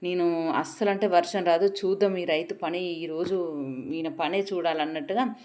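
A woman's voice: on the low side, fairly even intonation, normal speed, a little mellow, lightly acted. A woman voicing the stern male god Indra in a spoken folk tale, who repeats his orders emphatically. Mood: smug.

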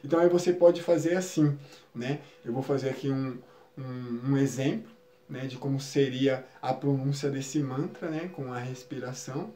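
Man, spiritual teacher on a live stream, mellow slightly high voice, calm explanatory delivery, roomy echo. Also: moderate pace, a little hiss or hum. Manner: calm, explanatory, frequent tag questions.

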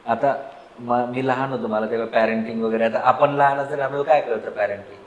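A man hosting a casual conversation, telling stories in a relaxed, agreeable way. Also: medium pitch, fast talker, dull audio. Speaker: host. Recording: echoey room with faint background noise.

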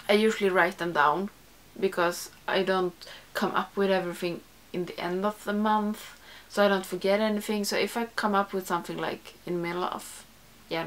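In a small indoor room with makeup shelves, a young beauty YouTuber answers a tag in a casual chat to camera. English isn't her first language, her voice is mid-range, and she rambles, fixes her own wording and leans on "like."

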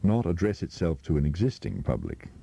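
Deep gravelly guy reading a script, dark mellow tone, really sing-songy. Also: wildly swooping pitch, fairly quick. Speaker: narrator. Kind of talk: scripted narration.

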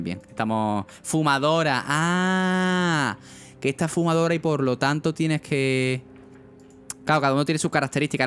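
A man's voice: mid-range voice, fairly bright tone. Casual young man from streaming games. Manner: casual, chatty, asks chat often, swears. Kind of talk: gaming livestream commentary.

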